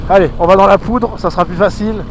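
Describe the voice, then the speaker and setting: A man with a Swiss French accent, vlogging from a helmet camera while riding in snow, excitable and swearing, laughing often. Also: high voice, quick pace, a little hiss or hum. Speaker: motorcycle vlogger. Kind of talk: helmet-cam vlog commentary. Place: outdoors riding a motorcycle in snow. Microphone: helmet camera mic.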